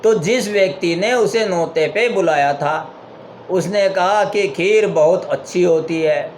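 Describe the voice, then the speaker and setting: A man giving a spiritual talk, retelling a parable step by step and stopping to ask his listeners questions. His voice sits a little high for a man. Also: slow, slight background noise. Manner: explains by retelling and rhetorical questions. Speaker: spiritual speaker.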